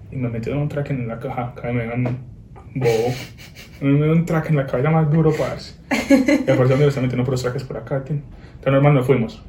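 Young man, animated slangy storyteller, mellow tone, faint hiss. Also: roomy sound. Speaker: guest. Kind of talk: casual chat. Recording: noisy low-quality recording.

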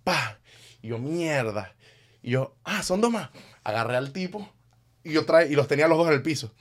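A man's voice: fairly high pitch, normal speed, heavy background noise. A young man, telling a party story in casual chat and acting out what people said. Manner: animated, acts out quotes.

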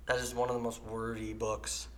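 A man talking as a podcast guest in an animated casual chat, his voice dropping at times to near whispers. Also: medium pitch, normal speed, a little hiss or hum.

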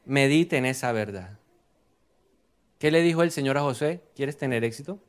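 A middle-aged man, preaching a lively sermon full of rhetorical questions. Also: medium pitch, moderate pace. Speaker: pastor.

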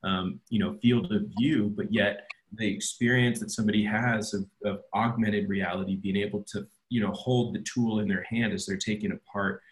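Low-voiced man musing on a podcast. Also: fairly even intonation, moderate pace, hardly any pauses, low-quality recording. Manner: explanatory, leans on tag questions. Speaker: podcast host. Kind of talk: casual chat.

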